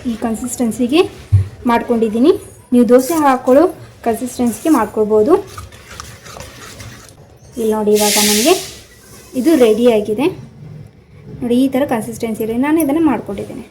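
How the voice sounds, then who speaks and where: Woman cooking host, calm step-by-step instructions, mellow tone, light kitchen sizzle underneath. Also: a little high, fairly quick, long pauses, a little hiss or hum, poor audio. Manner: calm step-by-step instructing, addresses viewers directly. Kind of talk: cooking demonstration voice-over.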